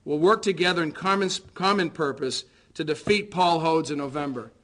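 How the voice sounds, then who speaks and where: An American man who is a political candidate delivers a prepared concession speech in a formal, measured, earnest way. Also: on the high side, very noisy.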